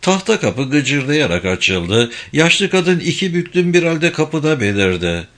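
A man narrating a story in a measured, expressive reading. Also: a little high.

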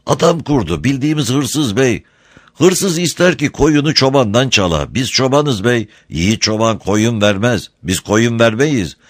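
A man's voice: mid-range voice, animated, a little slow, no room sound, clean studio sound, voice pushed up. A man voicing a humble, pleading wandering Bedouin shepherd in a read-aloud story. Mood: earnest. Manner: pleading, servile, repeats he is a sacrifice.

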